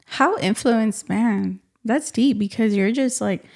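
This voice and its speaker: Mellow-voiced woman chatting casually. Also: on the high side, slow, gravelly. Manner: animated, conversational, often adds "you know what I mean" and "man". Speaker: podcast co-host. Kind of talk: casual chat.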